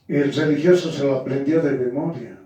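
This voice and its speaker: A man's voice: medium pitch, brisk, dark tone. A man preaching a sermon and speaking firmly, often addressing his listeners directly. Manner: addresses listeners as "hermano", firm emphatic preaching. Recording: very echoey, from far off the mic.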